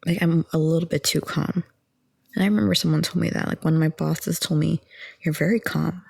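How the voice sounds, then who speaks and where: A young woman in her twenties rambles in a calm, soft-spoken ASMR chat, laughing lightly now and then. Her voice sits a bit low, husky and full of vocal fry. It is recorded close up and dry. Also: brisk, no echo. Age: 20s. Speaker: ASMR audio creator.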